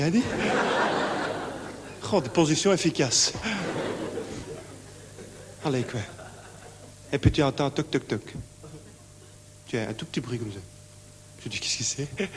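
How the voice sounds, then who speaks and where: A man's voice: mid-range voice, in a large hall, lightly acted. An actor playing a nervous, naive, lonely insomniac man on stage, rambling with a Belgian French accent and constant verbal tics. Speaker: stage comedian. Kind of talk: one-man stage show. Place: theatre stage with live audience.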